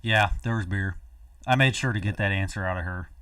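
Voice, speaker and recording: A man's voice: lowish voice, a little fast, sharp tone, clear, resonant tone, far from the mic. A young man chats loosely over a game and tells stories with easy laughs and blunt swearing. He sits a bit back from the microphone. The sound is dry and close, with no room echo. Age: young adult. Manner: laughing storyteller, swears freely. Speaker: co-host of a gaming video. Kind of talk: casual chat while gaming.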